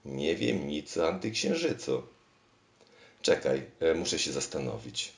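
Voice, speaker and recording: A man's voice: rumbling low, sing-song, unhurried, vocal fry, heavily acted. A man voicing a forgetful, scatterbrained female thinking machine with a fussy, pedantic manner. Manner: pedantic, muddled, absent-minded. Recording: roomy echo.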